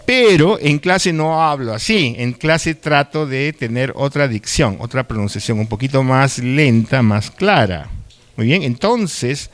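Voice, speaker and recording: A man's voice: mid-range voice, animated, unhurried. A man from Peru with a Lima accent, giving a live university lecture in a chatty way, often checking in with his students and sometimes stumbling and restarting words. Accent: Lima Peruvian Spanish. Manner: conversational, asks the class frequent tag questions; occasional stutters and restarts.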